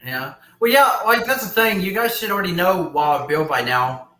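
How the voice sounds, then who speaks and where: A man chatting on a live stream in a rambling, filler-heavy way, swearing casually as he goes. His voice is bright and a little high, and it echoes around a roomy space. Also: animated, normal speed. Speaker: stream co-host.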